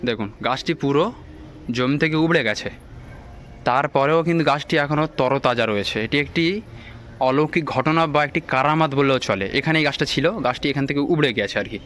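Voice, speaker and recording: Softly spoken man, noisy recording. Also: on the high side. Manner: deliberately hushed, speaking softly in a cemetery. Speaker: vlog host and guide. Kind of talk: walking-tour vlog narration for viewers. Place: outdoors in a cemetery. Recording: clearly noisy on-location ambient sound.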